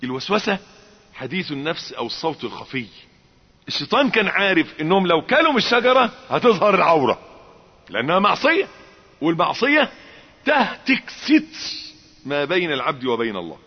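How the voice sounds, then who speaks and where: Lively Egyptian preacher in an echoing hall. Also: male voice, on the high side, a little fast, pauses often, slightly rough. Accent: Egyptian Arabic. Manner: animated, rising to emphatic exclamations, acts out dialogues. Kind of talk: Egyptian colloquial sermon. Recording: muffled reverberant hall recording.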